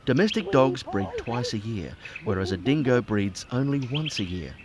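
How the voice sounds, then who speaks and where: A man reading scripted documentary narration in a lively, dramatic way. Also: mid-range voice, moderate pace, crowd noise. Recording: narration over clear music.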